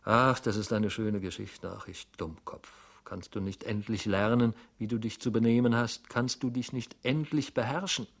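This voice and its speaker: A man's voice: on the low side, fairly even intonation, normal speed, hardly any pauses. A man voicing an anxious, fretful government clerk who mutters and scolds himself, in an audiobook reading. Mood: self-reproaching.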